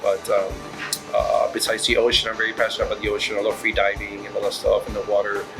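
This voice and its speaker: Low-voiced man from Puerto Rico, rambling. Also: monotone, fast talker, gravelly, poor audio. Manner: rambling, many fillers and restarts. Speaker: restaurant managing partner. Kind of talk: casual interview. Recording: music playing underneath.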